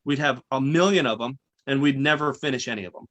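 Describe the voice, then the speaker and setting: A man in his forties, a guest financial advisor, chatting in an interview with intense, animated storytelling and frequent restarts. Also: mid-range voice, fast. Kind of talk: casual interview chat.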